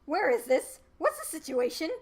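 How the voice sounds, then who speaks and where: Woman voicing an exasperated, dramatic man, high-pitched. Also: very animated, moderate pace. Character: exasperated, dramatic man dragged into a fantasy world. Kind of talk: voiced character in web novel read-aloud.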